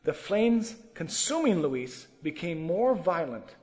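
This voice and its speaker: A man's voice: fairly high pitch, big pitch swings, slow, a little mellow, long reverb tail. A man telling a sermon testimony with earnest, emotional storytelling. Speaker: testimony preacher.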